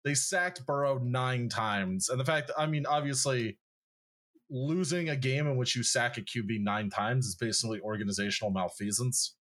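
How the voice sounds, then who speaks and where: A man's voice: mid-range voice, moderate pace, fairly bright tone. A man co-hosting a podcast in casual sports chat, thinking aloud and hedging as he goes. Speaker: podcast co-host.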